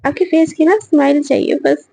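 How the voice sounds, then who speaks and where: A woman voicing an adoring young woman junior in a storybook reading, sweet and flattering. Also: high voice, moderate pace, vocal fry, no room sound. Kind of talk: storybook narration with voiced parts.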